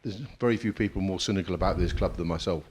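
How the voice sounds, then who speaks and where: Man, supporters committee member, low voice, halting, measured, frequent restarts. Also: noisy background. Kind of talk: answering at a fans forum.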